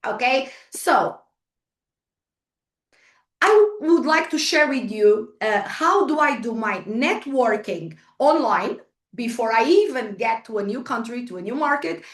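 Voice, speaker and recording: Speaking a little slowly in a fairly high, animated voice, the Portuguese-accented guest speaker keeps her motivational talk to the online group loose and chatty. She restarts often, leans on fillers and laughs at herself, sounding distant in an echoey space.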